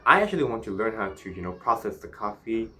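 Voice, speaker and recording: A man from Myanmar speaks in a somewhat low-pitched voice. He talks casually, as in a solo vlog, musing and pausing as he searches for words. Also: sing-song, pushed and bright, slight background noise. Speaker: vlogger.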